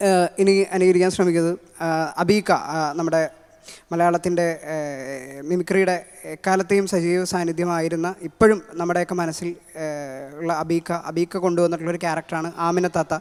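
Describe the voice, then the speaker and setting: A man with a Malayali accent introducing his impressions, talking fast with many fillers. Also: fairly high pitch, steady tone, darkish tone, smooth. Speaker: mimicry artist. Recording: long hall reverb.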